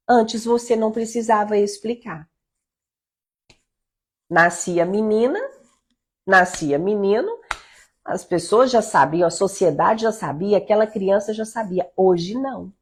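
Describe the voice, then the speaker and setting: Earnest husky-voiced woman teaching mothers. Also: mid-range voice, darkish tone. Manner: earnest, exhorting, quotes her own talks with her son. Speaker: leader of a mothers' prayer group. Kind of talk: informal devotional teaching. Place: at home.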